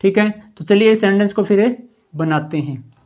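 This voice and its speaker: A man's voice: sits high, normal speed, darkish tone. A man teaching English grammar in a classroom-style lesson, patiently quizzing his listeners with rhetorical questions. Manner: patient, keeps asking the class rhetorical questions and saying "ठीक है".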